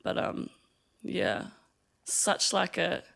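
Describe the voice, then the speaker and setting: A reflective young man from Fiji, chatting in an interview as an artist. His voice sits fairly high for a man, and he thinks aloud with fillers and soft laughs. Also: sing-song, extremely slow, creaky. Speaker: artist guest. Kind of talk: casual interview chat.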